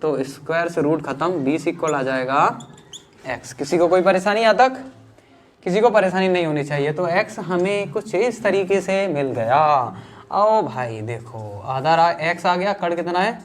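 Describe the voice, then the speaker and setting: North indian maths teacher, chatty and teasing, faint hiss behind him. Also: male voice, a little high, normal speed. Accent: Hindi, north Indian. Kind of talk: informal classroom lesson.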